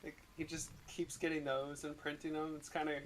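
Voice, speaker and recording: A man talking in loose, offhand chat among fellow hobbyists, with a dry, slightly sarcastic edge. His pitch sits a touch high for a man, and faint noise hums under the recording. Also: little pitch movement, normal speed, low-quality recording. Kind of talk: casual chat among people sculpting in Blender.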